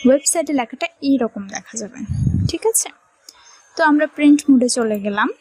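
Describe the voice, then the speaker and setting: A woman with a Bangladeshi Bengali accent walks through a software lesson step by step. Her voice is fairly high and a little husky, recorded close and dry. She keeps checking in with the viewer as she explains. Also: fairly quick, no room sound, poor audio. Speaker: computer tutorial teacher. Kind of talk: screen-recorded software tutorial.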